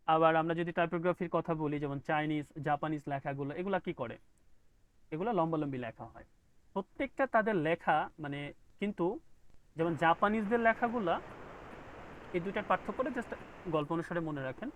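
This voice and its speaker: A man's voice: a little high, moderate pace, long pauses, poor audio. A man teaching a graphic design class online, explaining step by step and often checking that his students follow. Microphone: video call.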